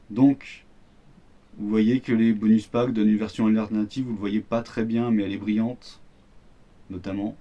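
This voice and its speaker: Low, mellow French-accented man presenting cards. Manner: relaxed, rambling, with fillers and casual slang. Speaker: card game YouTuber. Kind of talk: casual deck unboxing commentary.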